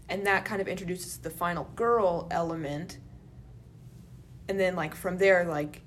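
A woman's voice: lowish voice, a little hiss or hum. A young woman co-hosting a podcast, chatting casually about films and often saying "like" and "you know". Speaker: podcast co-host. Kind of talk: casual film chat.

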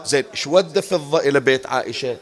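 A man's voice: mid-range voice, very fast. A man preaching a sermon, asking rhetorical questions and breaking into a chant on some phrases.

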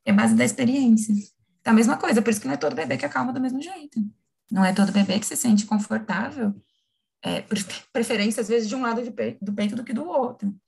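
A woman, explaining things in a lively, casual conversation, often asking her listeners "right?". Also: a little high, fast talker, vocal fry, slightly rough. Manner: animated, acts out imagined quotes, frequent tag questions.

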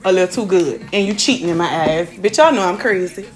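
A woman's voice: fairly low pitch, expressive, brisk. A woman hosting a casual podcast chat, brash and profane as she reads listener questions. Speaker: podcast host.

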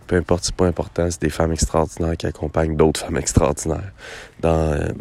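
A man with a Quebec French accent and a hoarse, gravelly voice, talking casually and hesitantly off the cuff as he thinks aloud. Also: very deep voice, flat delivery, a little fast, a little mellow. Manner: hesitant, thinking aloud, often repeating words. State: hoarse after a late night. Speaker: host of a personal voice-memo show. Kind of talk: casual, unscripted monologue. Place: outdoors on a lakeside beach.

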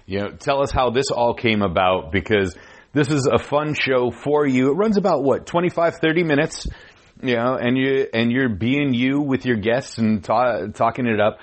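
An easygoing male interviewer with a mid-pitched voice asks loose, rambling questions. He keeps the tone relaxed and conversational. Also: normal speed. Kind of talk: casual interview.

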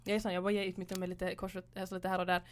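A woman's voice: on the low side, little pitch movement. A woman co-hosting a casual chat, blunt and frank, mixing in English slang. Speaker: podcast co-host.

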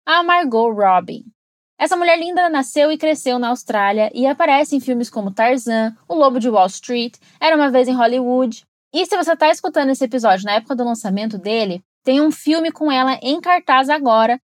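The recording is studio quality, free of room sound, and features a high-pitched woman with a Brazilian Portuguese accent. As a podcast host and English teacher, she reads scripted educational narration, enthusiastic and sprinkled with asides to the listener.

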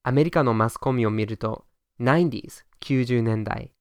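A man's voice: mid-range voice, fairly quick, clear, resonant tone, no room sound, clean studio sound. A man hosting a podcast language lesson, explaining each point in Japanese and then repeating it in English in a friendly, upbeat way. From United States.

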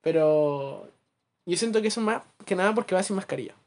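A man with a Chilean accent chatting casually as a podcast co-host, acting out his anecdotes with lively asides. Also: high-pitched, fairly quick. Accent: Chilean Spanish. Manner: animated storyteller, acts out anecdotes, laughs at his own jokes. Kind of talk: casual chat.

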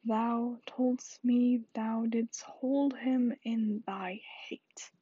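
Roderigo, woman whispering as an aggrieved young gentleman. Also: extremely high pitch, level tone, extremely slow, slightly rough, no echo, exaggerated voice. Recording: dull lo-fi dry recording.

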